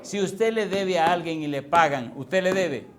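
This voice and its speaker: A man preaching a sermon as pastor, asking the congregation questions and telling lively personal stories. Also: fairly high pitch, measured pace. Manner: preaches with call-and-response questions and lively storytelling.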